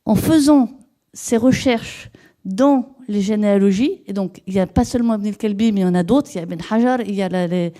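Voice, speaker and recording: Mellow-voiced woman giving an academic lecture. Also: medium pitch, a little fast. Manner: explanatory, hesitant restarts, questions the audience. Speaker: lecturer in epigraphy.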